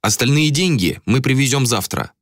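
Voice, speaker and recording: A man's voice: mid-range voice, animated, moderate pace, no room sound, clean studio sound, voice pushed up, close to an everyday voice. A man as Ader, a stern young ruler. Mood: firm. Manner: firm, hushed commands.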